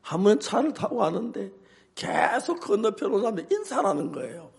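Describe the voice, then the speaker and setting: An older man, a pastor, preaching with humor and telling animated stories, acting out his own shouts and both sides of a quarrel. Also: high voice, fairly quick, vocal fry. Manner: animated storytelling, acts out shouts. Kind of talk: humorous sermon.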